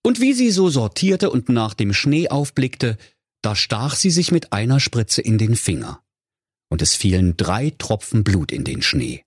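Male storyteller, mock-solemn comic fairy-tale reading; lively melodic delivery, dry. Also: medium pitch, measured pace, husky, no echo.

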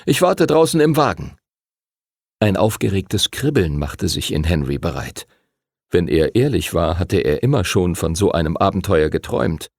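A man narrating an audiobook in an expressive storytelling manner. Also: low voice, moderate pace, dry recording, clean studio sound.

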